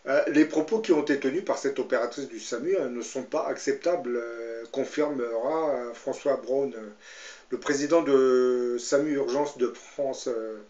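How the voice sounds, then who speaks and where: A man's voice: medium pitch, normal speed, a little mellow. Hesitant man, roomy dull recording. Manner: hesitant, full of fillers and tag questions. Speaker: commentator and Bible reader. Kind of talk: spoken commentary and Bible storytelling. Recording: roomy, slightly dull sound.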